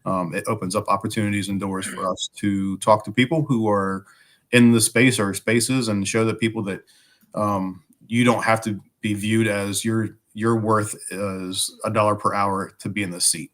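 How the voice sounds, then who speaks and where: A man chatting casually as a guest, his voice raspy like a smoker's and hoarse from bronchitis, as he fights back a cough. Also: fairly low pitch, fairly even intonation, normal speed, fairly bright tone. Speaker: guest, firefighter and podcaster. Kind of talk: casual chat.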